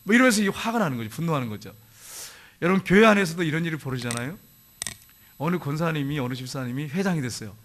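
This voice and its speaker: A man preaching a sermon to his congregation in church. He asks them questions directly and reads scripture slowly. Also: a little high, lively intonation, fairly bright tone, slight background noise. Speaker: pastor. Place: church sanctuary.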